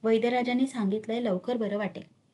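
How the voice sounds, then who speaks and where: A woman reading a novel aloud and voicing a gentle, caring young king who speaks softly and reassuringly to his wife. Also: a little high, fairly even intonation, brisk, natural voice. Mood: tender. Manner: soft, reassuring.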